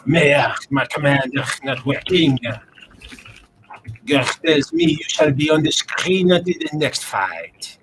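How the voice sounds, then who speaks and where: A man's voice: a little high, lively intonation, slow pace, fairly bright tone, a little hiss or hum, rough recording. A man putting on a mock French accent to voice a frustrated, swearing male player whose commands fail.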